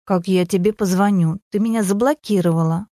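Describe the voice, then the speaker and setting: A grumbling young man who swings from pleading to shouting, as a woman reads him. The voice is mellow and dark, recorded dry and close in an audiobook. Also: medium pitch, fairly quick, no echo, natural voice. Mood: sulky. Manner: pleading then shouting, defensive. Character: blunt irritable young man, ex-husband.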